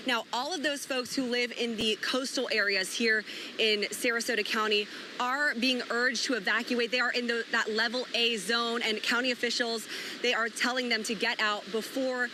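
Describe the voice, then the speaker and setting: A woman field reporter delivering a scripted news report. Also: a little high. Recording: clearly noisy outdoor ambience.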